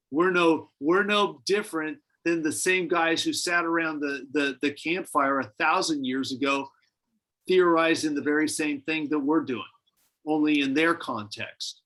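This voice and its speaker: A man with a somewhat high voice leads a church Bible study. He talks in a relaxed, musing way, often restarting his sentences as he thinks aloud. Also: poor audio. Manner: conversational, speculative, many restarts. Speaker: pastor.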